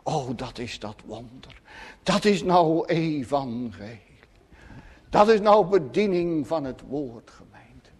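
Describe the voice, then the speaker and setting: A pastor delivers a fervent sermon, leaning hard on every phrase. His voice sits a little high and he takes his time. A long reverb fills the church around him. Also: lively intonation, takes it slowly, darkish tone, breathy edge. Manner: fervent, emphatic preaching.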